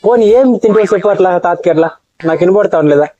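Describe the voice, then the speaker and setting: A man's voice: high voice, racing, warm tone. A man on a casual family phone call, coaxing the other person to speak up and say where they are.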